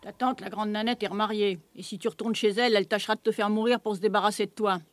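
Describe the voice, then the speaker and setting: A man's voice: high-pitched, steady tone, fast talker, natural voice. A man playing a shrewd, secretive old beggar woman in a radio drama, blunt and coaxing. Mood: urgent.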